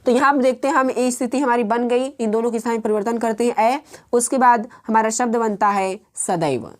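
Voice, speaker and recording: Patient woman teaching grammar, slightly high. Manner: patient, slow and repetitive, pausing often. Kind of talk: explaining grammar rules step by step.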